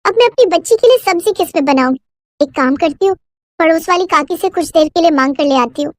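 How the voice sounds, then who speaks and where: A woman's voice: very high-pitched, lively intonation, a little fast. Woman voicing a worried poor mother. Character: poor hardworking mother, adult woman, worn down.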